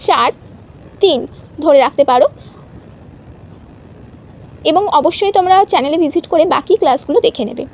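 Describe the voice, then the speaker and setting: A woman teacher giving an exam-prep lesson, reading each English point out slowly before she explains it. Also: high-pitched, a little mellow, highs cut off, a little hiss or hum.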